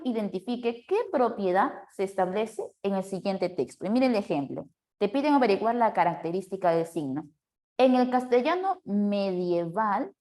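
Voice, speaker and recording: A woman's voice: mid-range voice, a little mellow. A woman teaching a class, explaining step by step and often checking that the students follow along. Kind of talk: classroom lecture.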